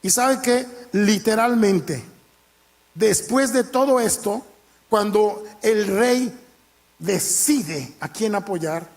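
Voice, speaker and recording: In a church, a man delivers a sermon that turns scripture into a lively story, voicing the characters' lines with lots of animation. His voice is high for a man, and he takes his time.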